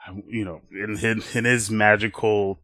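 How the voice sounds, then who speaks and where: A man's voice: on the low side, steady tone, normal speed, bright, forceful tone, no room sound. A young man co-hosting a podcast, casually rambling through an episode recap and acting out characters' lines in playful voices. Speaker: podcast co-host.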